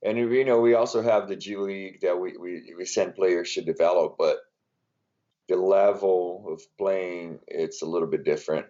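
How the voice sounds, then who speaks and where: A Brazilian man, a native Portuguese speaker working as an NBA strength and conditioning coach, rambles through a casual interview in accented English with plenty of fillers. His voice is low and dark, fairly even in intonation and moderate in pace, captured on dull lo-fi audio.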